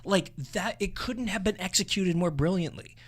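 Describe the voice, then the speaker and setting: A young man co-hosting a casual movie review podcast, excitable and profane, swinging between loud bursts and softer asides. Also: sits high, moderate pace. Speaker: podcast co-host.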